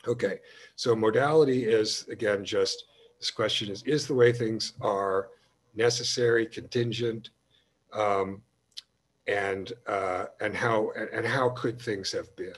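A humanities lecturer delivers a recorded slide lecture on philosophy in a fairly low, slightly rough voice, steady in tone and measured in pace. He thinks aloud as he goes, often restarting sentences and repeating words.

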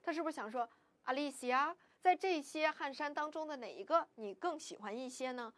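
A woman teaching a Spanish grammar lesson in Chinese. She keeps asking the class questions, answers them herself and often checks with a quick "right?". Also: high-pitched, a bit bright. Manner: frequent checking tags like "right?".

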